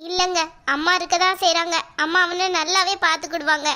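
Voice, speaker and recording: A woman's voice: very high voice, steady tone, brisk, sharp tone. A woman voicing a tearful, devoted young wife who pleads anxiously, in a cartoon. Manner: pleading, crying. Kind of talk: cartoon voice acting.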